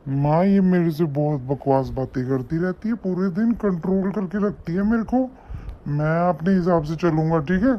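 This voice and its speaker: A man voicing a drunk, aggressive young husband in an animated story, slurring and shouting down his wife. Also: on the high side, moderate pace, lightly acted. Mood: belligerent. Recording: dull lo-fi with faint noise.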